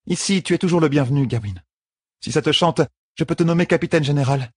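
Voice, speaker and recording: A man voicing a poised, teasing young queen in an audiobook, with a husky tone and composed delivery. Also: on the high side, fast talker, a little mellow, no room sound, clean studio sound, voice pushed up. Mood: wry. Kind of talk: audiobook character voice.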